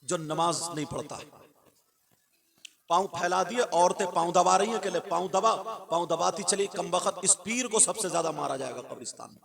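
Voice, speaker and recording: A male preacher giving an impassioned sermon to a gathering, moving between loud chanted exclamations and quick chuckling asides. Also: sits high, creaky. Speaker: Islamic preacher. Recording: crowd noise from a live gathering.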